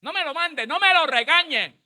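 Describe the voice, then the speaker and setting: A man doing a shrill indignant woman. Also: lively intonation, moderate pace, sharp tone, no room sound, clean studio sound, exaggerated voice. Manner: high shrill scolding falsetto. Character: indignant woman defending her son.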